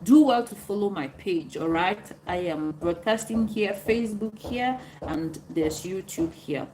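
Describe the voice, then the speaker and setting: A woman's voice: medium pitch, unhurried, mellow, low-quality recording. A woman from Cameroon with a Cameroonian accent, streaming live and answering viewer comments in an emphatic, repetitive, preachy way. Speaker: livestreamer.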